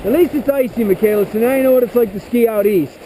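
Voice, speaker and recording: A woman's voice: on the high side, quick pace. A woman outdoors on a ski slope, casually and playfully encouraging a small child, often exclaiming. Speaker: parent coaching a small child on skis. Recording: faint outdoor background noise.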